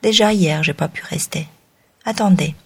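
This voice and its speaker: A woman's voice: lowish voice, normal speed, husky. A woman reading an audiobook, voicing a drunk old homeless woman with a cavernous, growling voice and coarse, mocking talk. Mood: gruff teasing. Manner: coarse, familiar, teasing.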